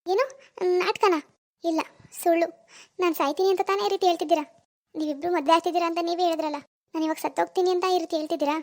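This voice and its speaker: A woman's voice: very high-pitched, steady tone, quick pace, pauses often, darkish tone. A woman voicing a heartbroken young wife in a cartoon, tearful and resigned. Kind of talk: animated cartoon dialogue.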